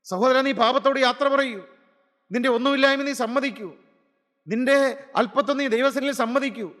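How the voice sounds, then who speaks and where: Male preacher with a high, bright voice, fervent sermon full of rhetorical questions, long hall reverb. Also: a little fast. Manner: impassioned, piling up rhetorical questions and repeated phrases. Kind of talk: gospel sermon.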